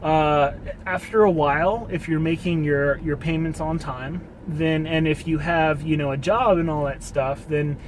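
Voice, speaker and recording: A man's voice: fairly high pitch, fairly even intonation, measured pace, a little hiss or hum, poor audio. A man in his late twenties talking casually in a rambling monologue, cursing freely and repeating himself as he works through a story. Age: 20s.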